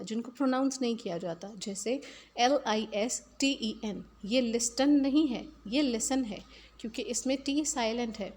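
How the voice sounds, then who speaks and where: A woman English teacher, explaining a lesson slowly and repeating key words. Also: on the high side, a little mellow, slight background noise. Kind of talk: recorded classroom lesson.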